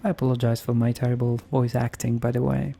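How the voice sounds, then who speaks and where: A man's voice: medium pitch, level tone, fast talker, vocal fry, over music. A man giving casual game playthrough commentary, arguing his points and repeating them for emphasis. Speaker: video game streamer.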